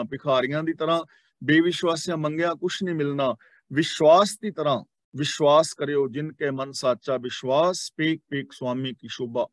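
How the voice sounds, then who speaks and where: A man with a Punjabi accent preaching a scripture sermon, who chants each verse slowly and then explains it line by line, mixing in English words. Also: a little high, no echo. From Punjab, India. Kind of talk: gurbani katha sermon.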